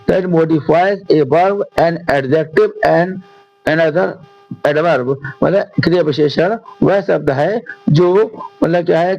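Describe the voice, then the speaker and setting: A man from India with a Hindi accent, teaching an English lesson in Hindi and reading the English lines out slowly. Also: on the high side, gravelly, a little mellow, no room sound, muffled recording. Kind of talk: classroom lesson explanation.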